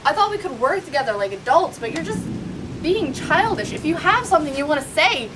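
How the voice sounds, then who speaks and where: A woman's voice: high-pitched, very animated, fairly quick. An actress playing a police officer who argues openly with her lieutenant. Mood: defiant. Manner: pleading, then defiant. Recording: distant mic, noisy with rain.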